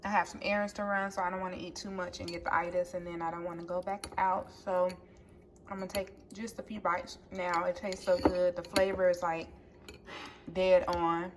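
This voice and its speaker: A woman's voice: on the low side, little pitch movement, moderate pace, background noise. A woman vlogger chatting casually to her viewers while cooking in a home kitchen. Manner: chatty, talks straight to viewers as "guys" and "y'all".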